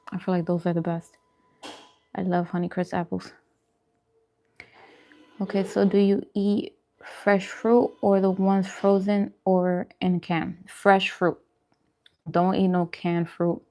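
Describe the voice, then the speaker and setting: A woman with a medium-pitched, slightly mellow voice speaks slowly, pausing often, with little movement in her pitch. As a vegan food vlogger hosting a mukbang, she answers livestream viewers in a casual chat, giving pointed, opinionated food advice and repeating phrases to stress them.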